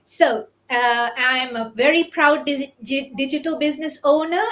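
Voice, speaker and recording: A woman hosts an online interview over a video call. Her voice sits slightly high. She speaks casually and keeps dropping in "you know". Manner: warm filler-heavy host, says "you know" a lot. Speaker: host.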